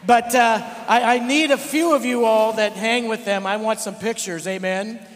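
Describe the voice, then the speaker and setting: A middle-aged man talks with playful, emphatic energy, then sincere feeling, about his closest friends. His voice is somewhat high. A long reverb fills the large church auditorium around him. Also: fairly even intonation, moderate pace, fairly bright tone. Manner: playful teasing, emphatic, emotional. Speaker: church member giving tribute. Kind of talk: joking then heartfelt tribute speech. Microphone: handheld mic, standing on stage.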